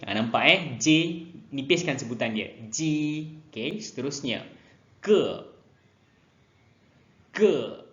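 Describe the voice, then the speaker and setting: A man teaching a Mandarin lesson online, speaking slowly and repeating each word twice for students to copy. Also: medium pitch, pushed and bright, roomy sound, dull audio. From Malaysia. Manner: slow, drills pronunciation by repeating words twice.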